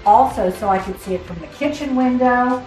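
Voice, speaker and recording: A woman's voice: on the high side, fairly quick, a little mellow, faint music behind, low-quality recording. A woman in her seventies, a homeowner and artist, chatting cheerfully and laughing as she shows her home and garden. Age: 70s. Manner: cheerful, laughs often, short pointing remarks. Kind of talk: casual chat on a home tour. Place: house and backyard patio, outdoors.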